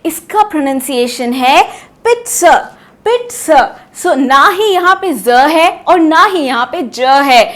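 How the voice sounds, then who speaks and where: A woman leads an online pronunciation lesson. She quizzes her viewers playfully and stretches out key words to stress them. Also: high-pitched. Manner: lively and teasing, quizzes the viewers, drawn-out emphasis on words. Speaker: English teacher.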